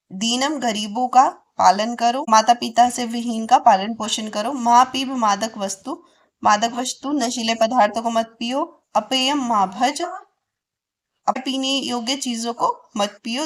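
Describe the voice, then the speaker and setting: A woman teacher, reading Sanskrit lines aloud and then explaining each one in a lesson. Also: on the high side.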